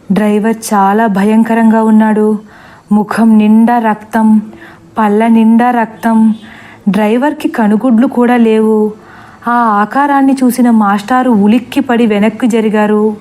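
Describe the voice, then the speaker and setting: A woman narrating a horror story in a steady, dramatic storytelling voice. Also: fairly high pitch, a little slow.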